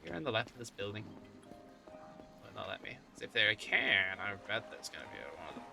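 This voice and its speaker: A man's voice: fairly low pitch, sing-song, a little fast, creaky, over music. A man giving casual live gameplay commentary as a streamer, often muttering to himself. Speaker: game streamer.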